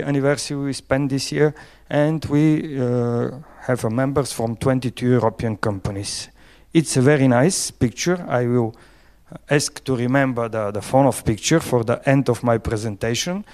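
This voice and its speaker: A man's voice: mid-range voice, gravelly, a little mellow. Bulgarian-accented man giving a conference talk. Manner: halting, frequent pauses and fillers. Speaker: conference speaker. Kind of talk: conference presentation.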